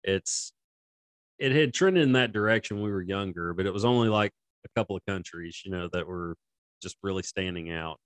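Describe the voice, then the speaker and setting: A man's voice: low voice, brisk, dry recording. A man co-hosting a casual sports podcast, rambling and laughing often as he talks. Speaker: podcast co-host.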